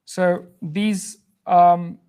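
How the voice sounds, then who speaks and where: A man's voice: high voice, little pitch movement, very slow, warm tone, clean tone. A man from Afghanistan hosts a live coding workshop to a room, chatty and loose, with many fillers and restarts. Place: room with an in-person audience.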